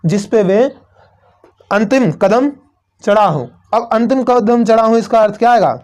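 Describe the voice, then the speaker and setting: A man's voice: sits high, moderate pace, a little mellow. A man teaching a poem line by line, who keeps asking a question and answering it himself and repeats each point. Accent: North Indian Hindi. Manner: repetitive, asks and answers own questions.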